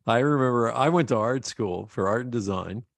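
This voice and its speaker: A man's voice: mid-range voice, moderate pace, creaky, no echo. A middle-aged man from Pennsylvania, a podcast guest telling rambling stories about his life and laughing often. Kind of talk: casual interview chat.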